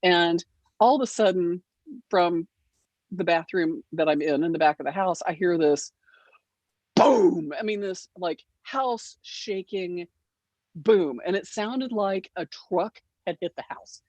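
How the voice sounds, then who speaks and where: A woman casually telling a funny family holiday story. She laughs often and jumps into high voices when she acts out her relatives. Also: measured pace, darkish tone, no echo. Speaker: guild member sharing a story.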